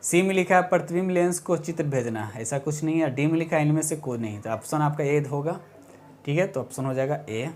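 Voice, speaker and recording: A man's voice: on the high side, a little fast, darkish tone. Chatty man teaching science. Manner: repetitive, checks in often with rhetorical questions; self-correcting, informal. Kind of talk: casual exam-prep lesson.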